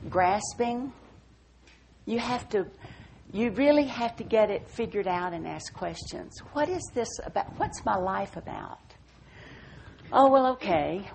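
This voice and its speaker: Older woman, lower-pitched and gravelly, slow folksy talk with poems read aloud, faint hiss behind. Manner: warm, folksy, slowing to a measured recitation for poems. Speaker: speaker giving a talk. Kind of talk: reflective spoken talk with poetry reading.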